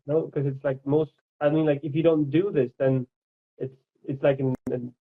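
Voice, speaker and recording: A man's voice: a little high, fairly even intonation, normal speed. A young man with a Swedish accent, speaking as a guest, thoughtful and searching for words, with frequent laughs. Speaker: music producer, guest. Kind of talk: casual livestream chat. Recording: tinny phone-like call audio.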